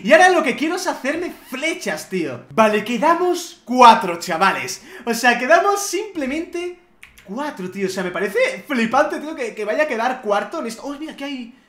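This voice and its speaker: A man from Spain giving excitable let's play commentary, shouting and swearing at the game. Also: extremely high pitch, normal speed, reverberant. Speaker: gamer.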